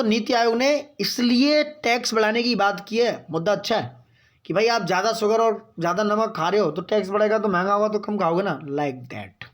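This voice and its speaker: A man giving a current-affairs lesson for exam students, reading out points slowly and then explaining them in chatty asides, often checking that his students follow. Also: sits high. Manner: mixes in English phrases, reads slowly, explains in chatty asides; keeps asking "got it, friends?". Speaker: exam-prep teacher.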